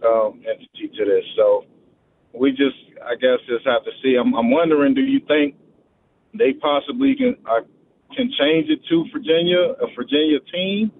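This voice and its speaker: A man calling in to a sports radio show over the phone, talking casually with many halting fillers. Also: a little high, expressive, gravelly. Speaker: caller. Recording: tinny phone line with faint noise.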